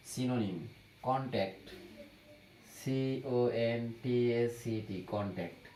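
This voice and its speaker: Slow, patient male teacher in an echoey room. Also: mid-range voice, a little mellow. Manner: slow, patient, repeats each word several times. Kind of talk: slow vocabulary lesson, spelling words letter by letter. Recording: echoey room, faint background noise.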